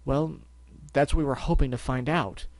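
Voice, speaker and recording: A man voicing a weary, earnest, bookish male pony in a storybook reading, measured and a little grumbling. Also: mid-range voice, fairly even intonation, darkish tone, no echo, natural voice. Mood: defensive.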